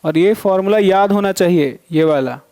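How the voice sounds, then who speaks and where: A man's voice: high-pitched, normal speed, warm tone, clean tone. A male teacher giving a physics lesson, repeating each point and asking the class rhetorical questions to check they follow. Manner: coaxing, checks students follow.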